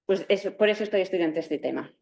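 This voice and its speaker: This lecturer, a native Catalan woman in her forties from Catalonia, talks fast in a fairly low, gravelly, darkish voice. She presents herself and explains material to university students, stumbling into fillers and restarts along the way.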